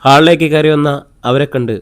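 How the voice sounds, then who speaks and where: A man narrating a story audiobook in a steady, measured reading voice. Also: a little high, clear, resonant tone.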